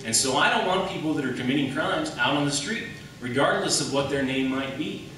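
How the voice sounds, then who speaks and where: Brisk and lively in his intonation, a man with a higher voice and a sharp tone argues emphatically in a debate for the county attorney race. He repeats key points and poses rhetorical questions. A distant mic captures him in a large room full of echo, with a little noise underneath.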